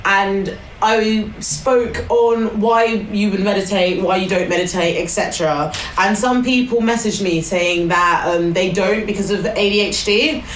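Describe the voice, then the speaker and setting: Excitable woman podcast host, roomy and distant. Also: medium pitch, measured pace, hardly any pauses. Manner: excitable, playful, heavy "like" fillers. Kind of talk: casual spiritual chat. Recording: roomy and a bit far from the mic, faint noise.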